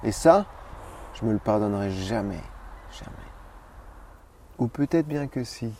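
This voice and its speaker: A man in his thirties in a comedy sketch interview, playing a self-important actor in a deadpan manner. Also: lowish voice, a little slow, a little hiss or hum. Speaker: comic actor persona being interviewed.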